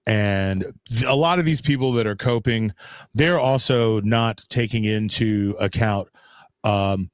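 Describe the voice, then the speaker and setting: A man's voice: lowish voice, a little slow, smooth, no room sound, studio quality. A man in his fifties co-hosting a casual talk show, rambling with lots of fillers and restarts. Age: 50s. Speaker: podcast co-host. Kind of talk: casual chat.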